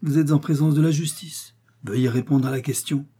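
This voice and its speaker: A stern investigating judge questions a suspect in a storybook reading, voiced by a male narrator. His tone is formal and firm, dark and a little husky. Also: fairly high pitch, fairly even intonation, a little fast, voice pushed up.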